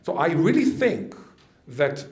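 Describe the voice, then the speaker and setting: A man's voice: a little high, big pitch swings, slow, darkish tone. Man giving a chatty lecture in an echoey hall. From Israel. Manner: chatty, with jokes and asides to the audience. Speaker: conference speaker. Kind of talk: lecture to an audience.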